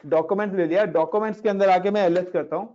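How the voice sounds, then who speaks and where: This Hindi-speaking male Linux tutor races along in a high, dark voice with fairly even intonation. Chatty and casual, he explains commands over screen-share, guiding students step by step and mixing in English words. The recording quality is dull and lo-fi.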